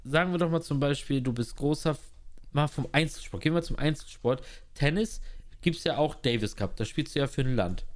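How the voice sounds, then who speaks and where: Talking a little fast in a slightly high voice, a man on a casual podcast he co-hosts launches into a sarcastic rant. He's blunt and slangy, restarts himself, and swears emphatically.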